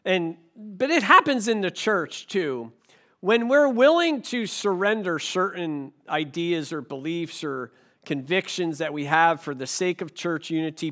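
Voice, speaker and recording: A man preaching a sermon to a congregation in a conversational way, asking the room questions and swinging between loud stresses and quiet asides. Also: on the high side. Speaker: pastor.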